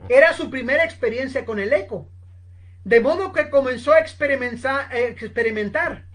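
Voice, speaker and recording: A woman preaching a sermon, telling a story slowly and with emphasis, constantly addressing her listeners as brothers. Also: high-pitched, animated. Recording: online seminar recording.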